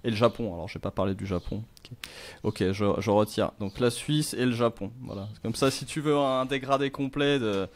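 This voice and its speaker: A middle-aged man in casual conversation who thinks out loud, rambling with many fillers. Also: mid-range voice, moderate pace.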